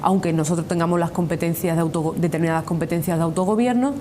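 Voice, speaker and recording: A woman's voice: fast talker, dark tone. A woman with an Andalusian accent giving earnest, long-winded answers in a formal political interview as a union representative, repeating points for emphasis. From Andalusia, Spain. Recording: noisy with low rumble.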